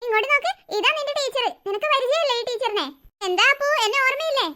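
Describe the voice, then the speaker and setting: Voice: very high voice, fast, noisy background. A voice actor playing a stern female teacher who speaks firmly in a cartoon. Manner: firm, coaxing.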